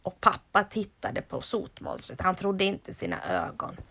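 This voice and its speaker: A woman reading a children's story aloud, lively and expressive. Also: on the low side.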